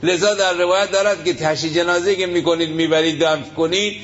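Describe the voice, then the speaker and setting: A man's voice: high-pitched, steady tone, fairly bright tone. A man preaching a sermon, emphatic, asking rhetorical questions and retelling stories with acted quotes. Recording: lo-fi muffled recording.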